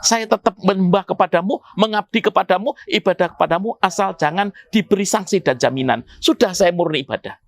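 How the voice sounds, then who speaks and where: A preacher voicing the earth pleading with God. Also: male voice, high-pitched, a little fast, hardly any pauses, slight background noise. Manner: pleading, repeating its address to God.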